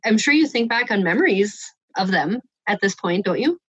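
A woman's voice: medium pitch, animated, moderate pace, a bit bright, breathy edge, no room sound. Woman interviewer, supportive, kinda dull lo-fi sound. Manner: supportive, lots of short affirmations. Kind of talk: conversational interview.

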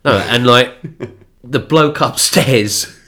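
Here a podcast co-host with a cold talks slowly in a pushed, bright, nasal and stuffy voice. The chat is casual and conspiratorial, and he keeps swearing, mocking and breaking into high-pitched imitations.

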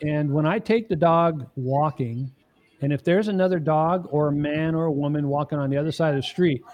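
Earnest middle-aged man, higher voice. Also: a little fast, lo-fi sound. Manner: earnest, explains step by step; emphatic, often asks the listener "okay?". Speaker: marriage coach guest. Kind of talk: podcast interview.

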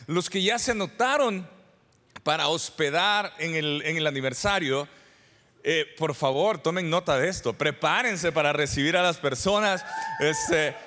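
A man's voice: a little high, bright, forceful tone. A man in his forties from El Salvador, preaching a sermon as pastor, conversational, with rhetorical questions and repeated phrases. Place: church sanctuary. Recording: reverberant church hall.

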